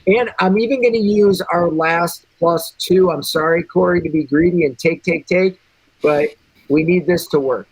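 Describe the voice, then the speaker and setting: High-pitched, husky man at a game table. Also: normal speed, no echo, poor audio. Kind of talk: casual game-table talk.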